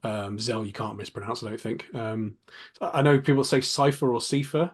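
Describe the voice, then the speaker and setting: A man hosting a podcast, chatting casually and getting animated on tangents. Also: lowish voice, brisk, breathy edge. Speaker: podcast host.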